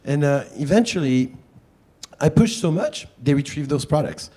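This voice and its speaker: A man's voice: a little high, animated, moderate pace, mellow, slightly rough. A man from France with a French accent, speaking informally on a public panel in a chatty, self-deprecating way. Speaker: panel speaker, wildlife activist.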